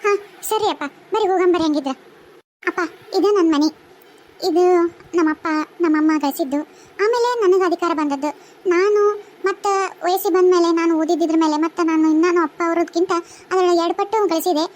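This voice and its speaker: A woman voicing a grieving young ghost wife in a cartoon, pleading and wailing in a North Karnataka Kannada accent. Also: darkish tone. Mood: earnest. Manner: very high, fast, pleading and wailing. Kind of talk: cartoon voice acting.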